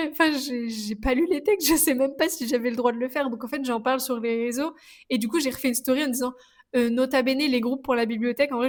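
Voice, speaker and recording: High-voiced, exasperated young woman. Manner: exasperated, blunt, swears freely. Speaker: podcast host, speech therapist. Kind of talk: casual podcast monologue.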